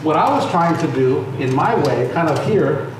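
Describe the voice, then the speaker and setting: On stage in a lecture room, this middle-aged American panel guest, a musician who founded an arts center, tells stories conversationally and often restarts his sentences. His voice is on the high side with lively intonation at normal speed, captured from far away in a very echoey, noisy room.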